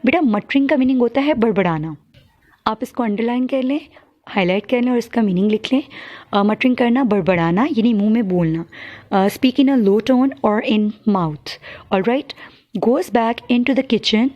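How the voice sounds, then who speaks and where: A woman's voice: on the high side, unhurried, highs cut off. A woman from Pakistan teaching an English lesson, explaining each word patiently and calling pupils "beta". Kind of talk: recorded classroom lecture.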